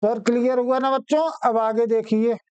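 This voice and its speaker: A man teaching an exam-prep grammar lesson, calling his students children and repeating each phrase slowly so they can write it down. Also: very high-pitched, little pitch movement, darkish tone, smooth, no room sound, muffled recording.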